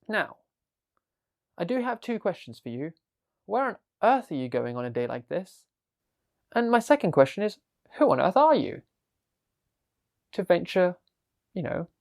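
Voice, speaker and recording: A storyteller voicing a huge, calm male mist dragon who talks down to humans with a sighing, teasing drawl. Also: medium pitch, vocal fry, voice pushed up.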